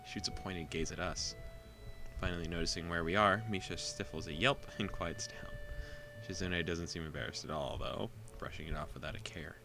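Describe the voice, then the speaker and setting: A man's voice: low-pitched, moderate pace, music in the background. A man reading a visual novel aloud for a gaming video, with casual, joking asides. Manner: casual, joking asides between read passages.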